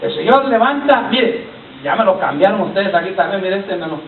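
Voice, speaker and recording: A man delivers a sermon, calling out for the congregation to repeat after him. His voice sits unusually high. The recording is echoey, distant and thin, like a phone line, with faint hiss. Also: animated, a little fast. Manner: preachy, calls on the congregation to repeat lines; keeps addressing listeners as brother. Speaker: pastor. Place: church hall. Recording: echoey far-off church recording over a lo-fi line.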